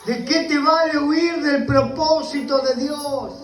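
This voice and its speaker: A man's voice: very high voice, fairly even intonation, slow pace, a bit bright, roomy sound, soft background music, low-quality recording. A man with a Rioplatense Spanish accent preaching a sermon with passion, often calling out to his listeners as brother. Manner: impassioned preaching, repeatedly addressing the listener as brother. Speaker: pastor. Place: church.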